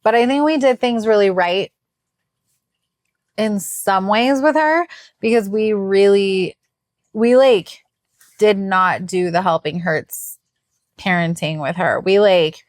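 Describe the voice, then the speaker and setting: A woman's voice: medium pitch, slow, long pauses, dry recording, studio quality. A middle-aged woman co-hosting a podcast in casual, rambling chat, tired and yawning, laughing often. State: sleepy. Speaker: podcast co-host.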